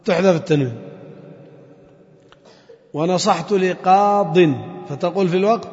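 A man teaching a classroom lesson on Quran recitation, drilling examples slowly, chanting phrases and quizzing his students. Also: high voice, a little mellow. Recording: long reverb, dull lo-fi sound.

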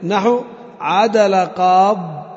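A man teaching a classroom lesson on Quran recitation, drilling examples slowly, chanting phrases and quizzing his students. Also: sits high, darkish tone. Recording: long reverb, dull lo-fi sound.

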